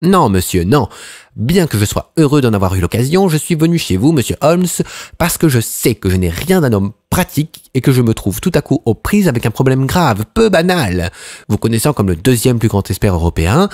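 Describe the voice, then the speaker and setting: A man reading an audiobook and voicing an eager, gangly young country doctor who speaks in an excitable, formally polite way. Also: mid-range voice, moderate pace, no echo, clean studio sound. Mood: earnest.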